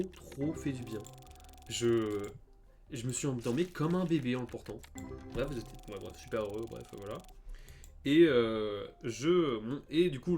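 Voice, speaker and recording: A young man streaming a game, telling a story casually with many fillers and stammers. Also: mid-range voice. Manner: animated, stammering, heavy fillers. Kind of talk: casual storytelling over gameplay.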